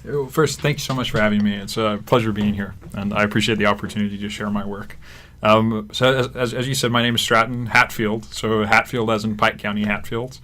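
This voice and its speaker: A man's voice: on the low side, brisk. A young man raised in Africa, a graduate student talking through a casual studio interview with lots of fillers. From Zimbabwe and Kenya. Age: young adult. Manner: relaxed, rambling with fillers. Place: radio studio.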